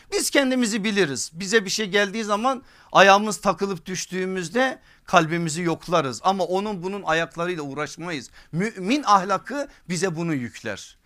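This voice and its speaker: A man's voice: sits high, sharp tone. A man preaching from a pulpit in a didactic religious lecture, stating rules emphatically and adding conversational asides. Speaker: preacher giving a religious lesson from a lectern. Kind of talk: sermon-like religious lecture to listeners.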